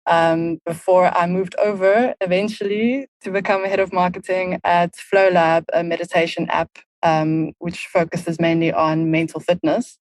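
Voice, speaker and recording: A woman in her thirties with a South African accent appears as a podcast guest and marketing lead, explaining things at length with frequent "um" fillers in a casual interview. Her lowish voice is unhurried, flat in pitch, and darkish, on a dry recording.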